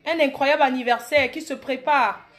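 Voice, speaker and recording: A woman in her late thirties with a Cameroonian French accent and a high voice. She delivers a boastful, mocking comedy rant aimed at her critics. Faint music plays underneath. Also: fairly even intonation, normal speed. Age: 30s. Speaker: comedic vlogger. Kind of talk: satirical comedy monologue.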